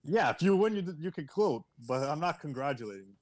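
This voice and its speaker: A man's voice: on the high side, very animated, brisk, a little mellow. A man in a casual sports debate, stubborn and opinionated, repeating himself to make his point.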